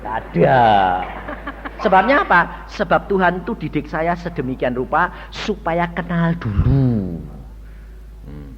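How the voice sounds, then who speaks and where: A man's voice: on the high side, sing-song, unhurried, background noise. An older man preaching a sermon in a folksy, storytelling manner, acting out dialogue and quizzing the congregation. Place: church hall. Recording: lo-fi recording in a reverberant church hall.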